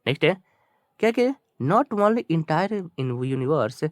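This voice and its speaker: With an animated, high-pitched voice, a Hindi-native Indian teacher works through an English story in a bilingual lesson. He reads the English slowly, one word at a time, then repeats casual explanations in Hindi, recorded dry with clean studio sound.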